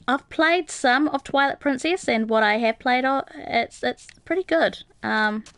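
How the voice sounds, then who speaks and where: A young woman livestreams a game, chatting casually with her viewers and reading their comments aloud, with lots of ums and uhs. Her high voice is a bit bright and a little slow, with no room sound.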